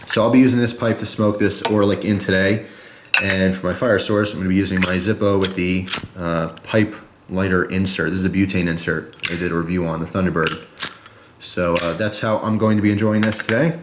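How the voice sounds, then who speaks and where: A man's voice: sits low, steady tone, brisk, roomy sound, background noise. A man chatting casually and informally to viewers, explaining step by step as he demonstrates a product in a review video.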